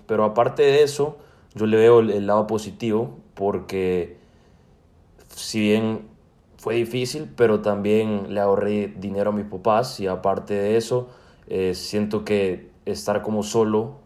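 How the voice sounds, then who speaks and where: A young man in his twenties speaks with a Salvadoran Spanish accent, his voice sitting fairly low. He answers interview questions casually, pausing often on fillers and restarting his phrases. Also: darkish tone. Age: 20s. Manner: hesitant, many fillers and restarts. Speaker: student guest.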